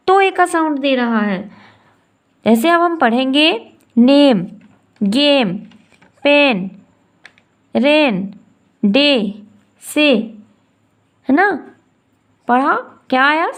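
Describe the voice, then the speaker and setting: A woman with a high voice teaches English vowel sounds to beginners. She speaks slowly and goes over each point again. She stretches out the sounds she models. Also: fairly bright tone. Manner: slow, repetitive explaining, drawing out the sounds she models.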